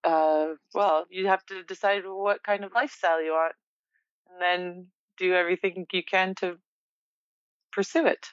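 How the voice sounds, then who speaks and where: A young woman from Poland, a guest in a casual interview, talking in a relaxed, reflective way and laughing often. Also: on the low side, moderate pace, smooth, no room sound, muffled recording.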